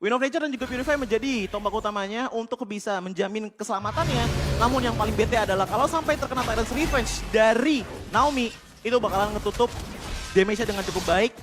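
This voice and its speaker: A man's voice: sits high, fast. A man with an Indonesian accent giving detailed analytical esports commentary, peppered with English game terms. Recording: loud music behind the voice. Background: music.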